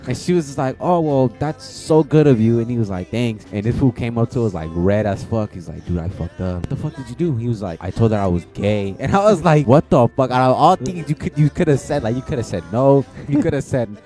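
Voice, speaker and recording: A young man with a mellow, dark voice tells stories in a relaxed, laid-back way, swearing freely. His pitch sits in the middle, and faint music plays behind him. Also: fast talker, hardly any pauses. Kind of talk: casual podcast chat.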